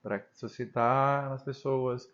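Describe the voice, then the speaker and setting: A man's voice: medium pitch, steady tone, slow, a bit bright, dull audio. A man with a Brazilian Portuguese accent hosting a casual interview. He affirms his guest's points and keeps adding tag questions. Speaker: podcast host.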